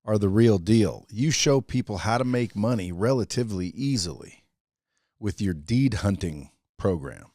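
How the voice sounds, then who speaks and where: A man's voice: on the low side, expressive, normal speed, dark tone, no room sound, studio quality. A man hosting a casual podcast, brash and hyped, swearing casually as he talks up his guest. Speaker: podcast host.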